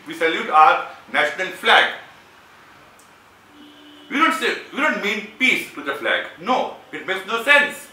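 A man giving scripted analytical commentary in a measured, explanatory way, leaning hard on key words. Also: a little high, bright, forceful tone, far from the mic. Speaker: video essayist reviewing a debate. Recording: roomy sound from away from the mic.

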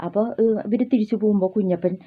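A woman's voice: mid-range voice, fast talker, husky. A woman, telling a children's folk tale in a homely, repetitive way. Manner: homely, repetitive, with many fillers and restarts. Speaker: storyteller. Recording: tinny phone-like sound.

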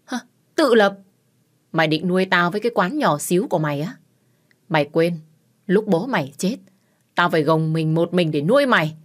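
A woman voicing an angry middle-aged mother who shouts, scolds and wails bitterly. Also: on the low side, animated, normal speed, pauses often, natural voice. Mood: bitter scolding.

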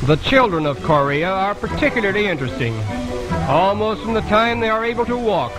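A man's voice: high-pitched, very animated, fairly quick, poor audio. A man giving wry, formal scripted narration for an old 1930s newsreel travelogue. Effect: old newsreel soundtrack. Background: loud music.

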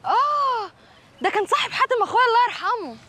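A woman's voice: extremely high pitch, very animated, fast, sharp tone, heavily acted. A woman with an Egyptian accent, chatting and asking naive questions in a comedy series. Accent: Egyptian Arabic.

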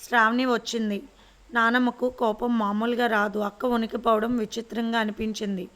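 A woman storyteller reading a serial romance aloud in a steady way. Her voice sits fairly high, and the pitch barely moves. The reading is calm and even. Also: normal speed.

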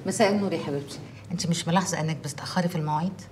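A middle-aged actress with an Egyptian accent playing a motherly landlady who gently questions a young tenant in a TV drama. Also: lowish voice, racing, background noise, lightly acted. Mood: concerned. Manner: motherly, concerned. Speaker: landlady of a women's residence. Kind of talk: TV drama dialogue.

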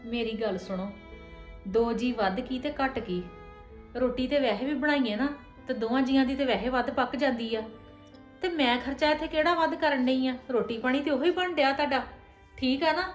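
A woman's voice: sits high, reverberant, faint music behind, natural voice. A woman acting a young wife who feels wrongly blamed, speaking in a pleading, defensive way. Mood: hurt. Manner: pleading and defensive, quick talk. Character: hurt young wife, earnest and tired of blame. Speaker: daughter-in-law in a family drama. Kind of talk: scripted domestic drama acting.

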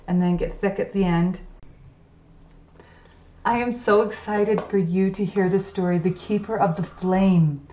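A woman's voice: medium pitch, a little mellow, lo-fi sound. Lady walking you thru an oil painting, cheerful and chatty, roomy echo. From United States. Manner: upbeat, chatty, encouraging. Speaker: art teacher. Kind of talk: painting tutorial voice-over. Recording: echoey room.

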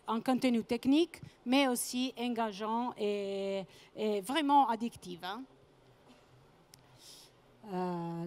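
A woman in her thirties giving a stage presentation in non-native French with a foreign accent, pausing to search for words and repeating them. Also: fairly high pitch. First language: not French. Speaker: conference presenter. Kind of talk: public presentation. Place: trade-show conference stage, indoors. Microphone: handheld microphone.

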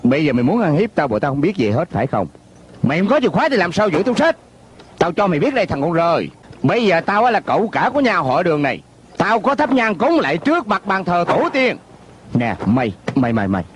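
A man's voice: on the high side, sing-song, fast, slight background noise. A man dubbing an arrogant young heir in a TV drama, blustering and insulting. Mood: bullying. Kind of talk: dubbed TV drama.

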